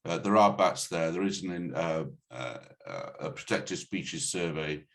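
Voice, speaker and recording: Deep-voiced man, halting planning officer. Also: fairly bright tone. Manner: hesitant, halting, with many repeated false starts. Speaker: planning officer presenting to committee. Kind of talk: formal report and answers at a meeting. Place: online video meeting. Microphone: video call.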